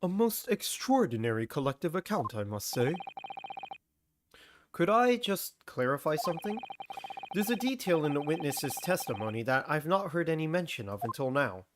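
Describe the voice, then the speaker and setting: A man voicing a stern male court official in a low, growly, measured and formal voice. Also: big pitch swings, noisy background. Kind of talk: game dialogue read-along.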